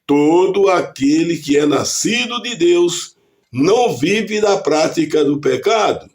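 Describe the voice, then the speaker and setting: A man with a Brazilian accent delivering a scripted devotional reflection as a preacher, reading scripture aloud in a deliberate, measured way. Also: on the high side. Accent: Brazilian Portuguese.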